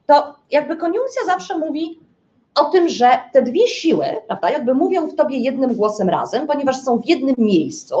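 A woman with a fairly high, slightly mellow voice gives a live astrology lecture, captured in a dull lo-fi recording. She keeps checking in with her listeners and asks rhetorical questions that she then answers herself.

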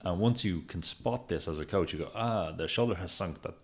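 Brief: low male podcast co-host, handstand coach, animated storyteller. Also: brisk. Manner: lively storyteller, acts out quotes. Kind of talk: casual podcast conversation.

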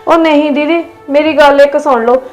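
A woman's voice: sits high, steady tone, normal speed, faint music behind, lightly acted. Woman as a resentful young daughter-in-law. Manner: curt, cold, resentful. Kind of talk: family skit acting.

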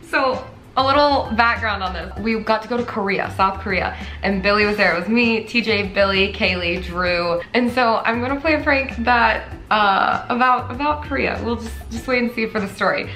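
Giggly bright-voiced young woman. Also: medium pitch, moderate pace, roomy sound, soft background music. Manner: giggly, nervous, chatty. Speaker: host. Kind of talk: casual vlog chat.

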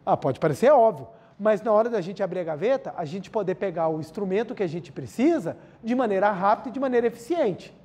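Husky Brazilian man giving a spiritual talk. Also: sits high, expressive, fast, few pauses, darkish tone. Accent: Brazilian Portuguese. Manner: anecdotal, addresses listeners as "gente", repeats key phrases. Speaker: lecturer of a spiritual movement. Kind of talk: spiritual lecture.

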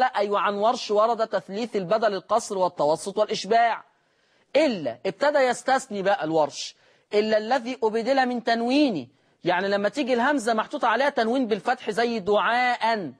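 A man with an Egyptian Arabic accent teaching a lesson on Quran recitation rules. He asks his students questions and answers them himself, and he chants quoted verses slowly and drawn out. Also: high voice.

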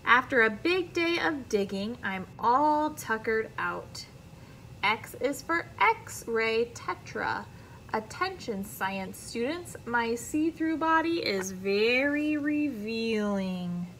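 An American woman of about thirty takes it slowly as she reads a children's picture book in a classroom, expressive and careful like a teacher, with friendly asides to the kids. Her slightly high voice is fairly bright, and the poor audio has slight background noise.

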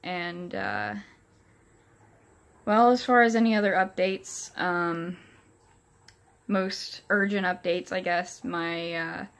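A young woman with a slightly low voice talks casually to her camera in a small room. She has no upper teeth in, so her words come out with soft, gummy articulation. Her delivery is hesitant and halting, with plenty of pauses. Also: lively intonation. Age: young adult. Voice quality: soft toothless articulation, without upper dentures. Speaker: vlogger. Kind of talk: casual personal update to camera. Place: small furnished room indoors. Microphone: phone or camera at arm's length.

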